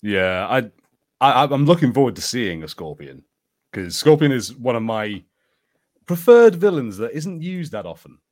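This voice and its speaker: Talking pop culture in a relaxed, conversational way, this podcast co-host has a mid-range, slightly mellow voice. He sounds very animated and speaks at a normal speed.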